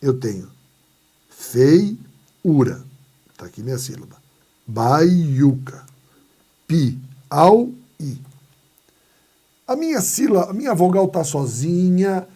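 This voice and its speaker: A man's voice: high-pitched, wildly swooping pitch, fairly quick, hardly any pauses, mellow, husky. A Brazilian man teaching a grammar lesson, asking and answering his own questions and acting out little skits. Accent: Brazilian Portuguese. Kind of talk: lively classroom lesson with playful asides. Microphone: recorded video lesson.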